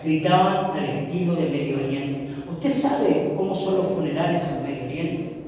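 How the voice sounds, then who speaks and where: A man's voice: darkish tone, soft background music. A man preaching a sermon with dramatic emphasis, asking his congregation rhetorical questions. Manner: dramatic, emphatic delivery with pauses. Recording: booming echo of a large hall.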